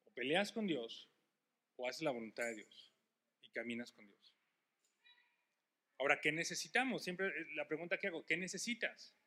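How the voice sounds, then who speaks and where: A male pastor delivers an impassioned sermon. His voice is bright and forceful and sits slightly high for a man. He swings between loud appeals and hushed, intimate stretches. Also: animated, normal speed, long pauses. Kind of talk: sermon and closing prayer.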